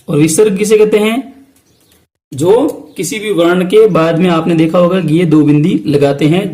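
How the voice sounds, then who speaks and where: A man with a Rajasthani Hindi accent teaches an exam-prep lesson in a fairly high voice. He poses each question aloud and answers it himself, slowing to repeat key terms. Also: a little mellow. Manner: asks questions then answers them himself.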